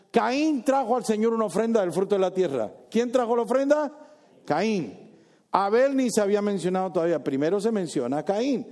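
A man preaching a sermon as pastor in a church, lively, asking the congregation questions and acting out little scenes. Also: high voice.

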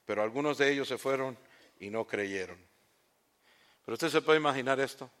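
Reading a scripture story in church, a medium-pitched pastor preaches with joking asides along the way. His sermon swings between loud proclamations and hushed, slowly spoken lines.

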